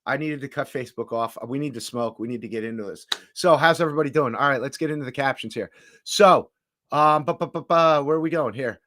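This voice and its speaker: A man hosts a casual livestream from home, reviewing cannabis and greeting viewers in the chat in a rambling, stop-start way. His mid-range voice is quick and a bit bright, with a little hiss or hum in the audio.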